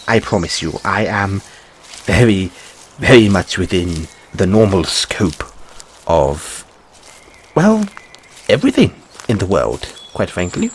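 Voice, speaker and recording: In a theatrical fantasy audio roleplay addressed to the listener, a man voices an anxious, polite, whimsical rabbit boy, stammering through courteous, old-fashioned phrasing. His voice is low, the mood polite and curious, and there's slight background noise.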